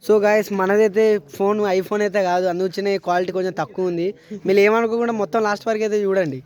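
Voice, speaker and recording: Very fast, high-voiced man chatting casually. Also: steady tone, a little mellow. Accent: Telangana Telugu. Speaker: vlogger at the match. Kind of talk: casual chat to camera.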